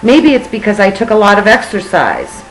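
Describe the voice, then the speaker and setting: A woman's voice: medium pitch, wildly swooping pitch, moderate pace, roomy sound, faint music behind, pitched above the performer's own voice, low-quality recording. A woman voicing a vain, self-important male tiger in a storybook, smug and slyly polite.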